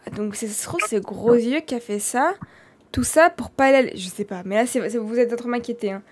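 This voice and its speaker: Animated French woman streamer. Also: fairly high pitch. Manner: animated, dramatic, quick swings in loudness. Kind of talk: live game role-play.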